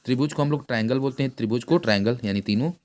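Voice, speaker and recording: A man's voice: mid-range voice, a little mellow. Man teaching math, quizzing his pupil. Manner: repeats terms and quizzes the pupil with quick questions; plain conversational delivery with frequent restarts. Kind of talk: informal classroom lesson.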